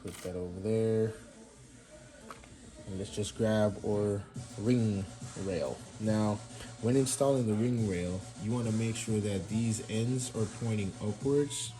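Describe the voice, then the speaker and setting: A low, mellow-voiced man with a Jamaican accent walks through a garage job in an easygoing tutorial. He talks loosely, with fillers and restarts, over faint background music. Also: slow, rough recording. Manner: relaxed, chatty, many fillers and restarts. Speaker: mechanic demonstrating engine assembly. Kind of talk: casual how-to tutorial. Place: home garage workshop.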